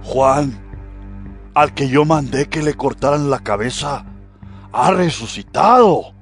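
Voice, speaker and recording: A proud biblical king with a troubled weight to him. He speaks very deliberately and regally in an audio drama, with music clearly behind. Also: medium pitch, lively intonation.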